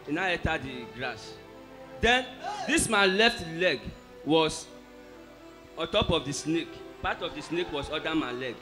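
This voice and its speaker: A man with a high, lively voice that swings widely, telling his testimony in an animated way. Soft music plays under him. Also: measured pace, pauses often. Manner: animated storytelling of an ordeal. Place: church hall.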